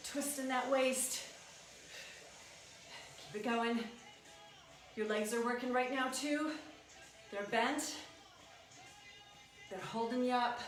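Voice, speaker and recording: A woman's voice: fairly high pitch, slow pace, long pauses. A woman leading a workout as an aerobics instructor, giving short encouraging cues and counts. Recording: echoey room, distant mic, music behind. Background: workout music.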